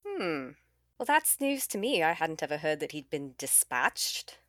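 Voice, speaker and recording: A woman's voice: low voice, very animated, unhurried, fairly bright tone, no echo, clean studio sound. A woman chatting casually as a tabletop game player, with a wry, sarcastic way of talking.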